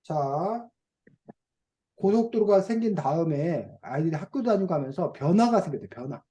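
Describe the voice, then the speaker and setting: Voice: medium pitch, very animated, normal speed, mellow. A teacher running an online reading class for children over a video call, asking questions and playfully acting out dialect phrases.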